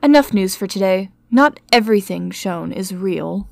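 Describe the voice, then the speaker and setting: A woman's voice: mid-range voice, lively intonation, moderate pace, vocal fry, darkish tone, no room sound. A woman voicing a gullible, strict mom who believes everything on the news, with a scolding, bossy manner.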